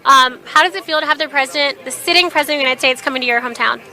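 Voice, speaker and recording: Young woman street reporter, high bright voice, chatty and upbeat, outdoors. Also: racing. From Atlanta, Georgia. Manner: upbeat and chatty, laughs often. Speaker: host. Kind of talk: street interviews at a rally.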